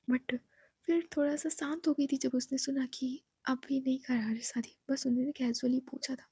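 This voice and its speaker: A woman narrating a romance story in a soft, half-whispered storyteller's manner. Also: high voice, dry recording, studio quality.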